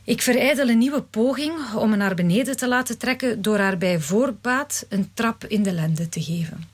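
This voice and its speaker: Husky woman reading a story aloud. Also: fairly high pitch, moderate pace. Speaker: narrator. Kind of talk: storytelling reading, first person.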